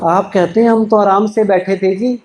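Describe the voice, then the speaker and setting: A man's voice: high voice, steady tone, moderate pace, darkish tone, roomy sound, a little hiss or hum, low-quality recording. A man giving a motivational spiritual talk to a live audience, often asking rhetorical questions and answering them himself. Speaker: spiritual speaker.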